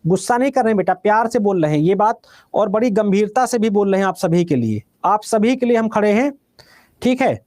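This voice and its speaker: A man with a Bihari Hindi accent teaching a geography class, repeating each item slowly for students to write down and calling them "beta". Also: high-pitched, animated, darkish tone, no echo, studio quality.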